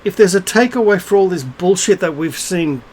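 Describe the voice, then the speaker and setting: Middle-aged guy ranting on his vlog, kinda high voice, swears a lot, lots of ums, bit of background hiss. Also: animated, normal speed, darkish tone, low-quality recording. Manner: blunt, profane, rambling with many fillers and restarts. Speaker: video blogger. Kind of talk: unscripted ranting monologue.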